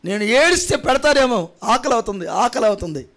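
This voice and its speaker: Starving young man, desperate and pleading, wailing repeated cries, high strained voice; a male preacher puts him on mid-sermon. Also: lively intonation, a little fast, fairly bright tone. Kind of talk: sermon story retelling.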